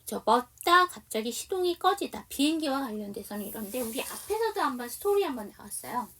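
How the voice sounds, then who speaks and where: A woman teaching English to Korean speakers, reading English lines slowly with a Korean accent and explaining them in Korean, often asking her listeners questions. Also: high voice, sing-song, a bit bright, far from the mic, slight background noise. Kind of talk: slow explanatory language lesson.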